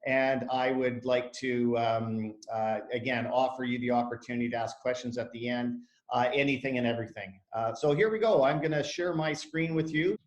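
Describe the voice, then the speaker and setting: A man in his fifties talks through an online presentation, hesitant and full of small fillers and restarts. His voice sits at an ordinary middle pitch. It comes over a computer mic in a roomy, echoey room. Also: moderate pace, lo-fi sound. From Canada. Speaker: school head. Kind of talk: online information session.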